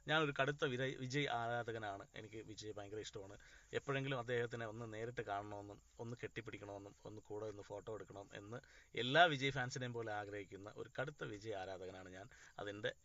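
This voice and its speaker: A man chats casually on a fan live stream, greeting viewers by name one after another. His voice is bright and gravelly. It comes through dull, lo-fi phone audio. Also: medium pitch, no room sound. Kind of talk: casual live chat reading comments.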